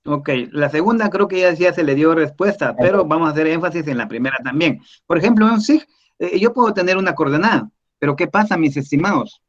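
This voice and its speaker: Guy teaching surveying on a call, slow and patient, kinda high voice, muffled lo-fi audio. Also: expressive. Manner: slow, explanatory, addresses listeners as "mis estimados". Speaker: surveying instructor answering questions. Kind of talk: online class, explaining.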